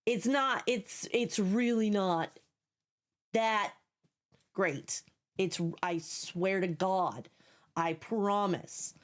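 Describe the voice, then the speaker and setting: A young woman on a live stream talks offhandedly to viewers, her mid-range voice extremely slow and broken by frequent pauses. She sounds scratchy and sleepy, delivering blunt, sarcastic remarks, swearing freely and repeating herself.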